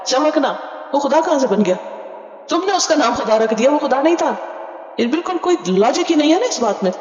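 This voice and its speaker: A woman's voice: high-pitched, expressive, darkish tone. A woman Quran teacher giving a word-by-word tafseer lesson. She explains terms patiently, adds English glosses, and keeps asking her listeners questions that she then answers herself. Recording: echoey hall, dull lo-fi sound.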